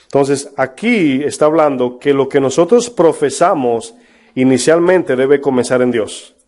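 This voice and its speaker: A man's voice: medium pitch, lively intonation, unhurried, a little mellow. A man preaching a sermon as pastor, emphatic, with rhetorical questions to his congregation. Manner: mocks false prophets in a put-on voice.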